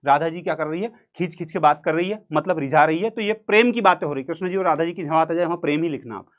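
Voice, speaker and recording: A man's voice: a little high, quick pace, lo-fi sound. A man teaching an exam-prep literature lesson in a playful, joking way with a central Indian Hindi accent, acting out quotes and singing snippets. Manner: playful, jokey, acts out quotes and sings snippets.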